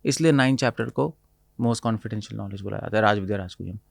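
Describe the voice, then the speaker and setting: A spiritual teacher explains scripture in casual conversation, moving between Hindi and English, quoting Sanskrit verses and laughing often. His voice is lowish and gravelly, his pace fairly quick, and there's no echo.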